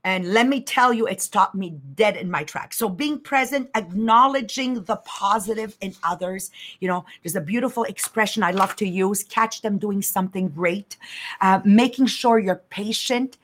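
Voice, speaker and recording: Animated fifty-something woman podcast host. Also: mid-range voice. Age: 50s. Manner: fast, animated storytelling with acted-out quotes. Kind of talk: casual podcast talk.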